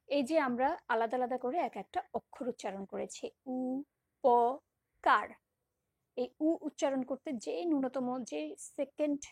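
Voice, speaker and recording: A woman teacher lectures with patience, repeating each example and stretching single syllables. Her fairly high voice is husky and gravelly. The sound is dry and close. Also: a little mellow, dry recording. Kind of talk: recorded lecture on poetic meter.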